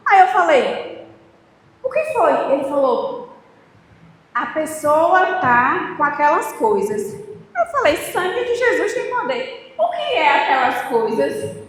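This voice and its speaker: A woman giving a preached testimony, telling her story with animated acted-out dialogue. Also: high voice, measured pace. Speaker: testimony speaker at a church. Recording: echoey hall with reverb, faint ambience.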